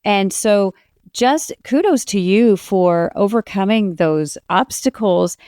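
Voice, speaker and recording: A woman's voice: mid-range voice, expressive, slow pace, mellow, smooth, dry recording, clean studio sound. A woman co-hosting a podcast, speaking in an affirming, encouraging way. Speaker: podcast co-host. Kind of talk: podcast interview.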